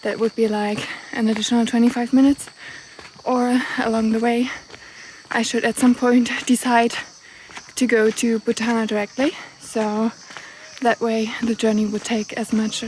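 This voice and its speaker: Young woman, chatty travel vlogger recorded outdoors on a trail, slightly high voice, audible outdoor noise. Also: level tone, normal speed, a little mellow, rough recording. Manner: chatty, laughs often. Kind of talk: casual vlog narration while hiking.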